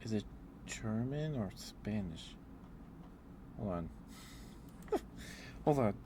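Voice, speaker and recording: Speaking slowly but animatedly in a fairly low voice, a man chats affectionately with viewers on his ASMR livestream, apologizing and rambling as he goes. Keyboard typing and background noise come through clearly.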